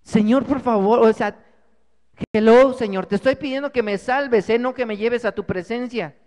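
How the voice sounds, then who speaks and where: A man's voice: high voice, big pitch swings, normal speed, warm tone, breathy edge, big-room sound, heavily acted. A man voicing a desperate, freezing male mountain climber who begs in a raised, strained voice. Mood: desperate pleading.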